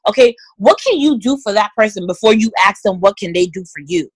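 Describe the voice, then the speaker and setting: A woman's voice: mid-range voice, animated, fairly quick, slightly rough, dry recording, rough recording. A woman giving direct, emphatic career advice in a conversational interview, speaking straight to listeners. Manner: direct, emphatic, addresses listeners as guys and ladies.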